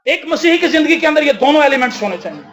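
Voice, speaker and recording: A man delivers an impassioned sermon, his voice pitched unusually high. He speaks with a lilt, stacks up rhetorical questions and breaks into shouts at the peaks. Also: big pitch swings. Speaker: pastor.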